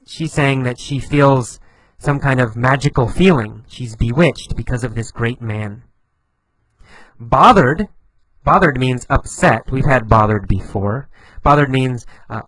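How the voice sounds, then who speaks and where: A man teaching English vocabulary, explaining slowly and patiently, repeating phrases with lively emphasis. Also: medium pitch, no room sound, rough recording.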